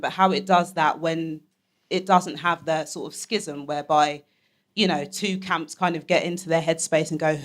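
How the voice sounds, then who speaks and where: Chatty woman asking a rambling question. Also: low voice. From London. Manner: chatty, rambling, many ums. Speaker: audience member asking questions. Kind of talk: question from the floor at a live talk.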